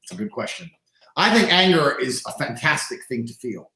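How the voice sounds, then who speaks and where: A man's voice: on the high side, lively intonation, normal speed, bright, forceful tone. A man giving blunt, emphatic and profane answers as an interview guest. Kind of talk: casual interview talk. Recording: roomy echoey sound.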